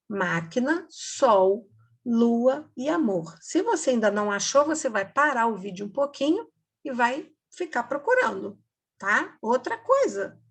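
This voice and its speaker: A woman teacher giving a slow, patient recorded reading lesson for children, repeating words and checking in with "ok?". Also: a little high, gravelly, slightly rough.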